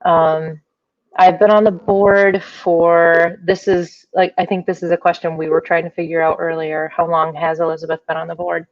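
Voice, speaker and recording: A woman's voice: lowish voice, little pitch movement, normal speed. A woman attorney speaking as a guest on a video call, hesitant and thinking aloud. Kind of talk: casual video-call interview. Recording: dull distant video-call audio.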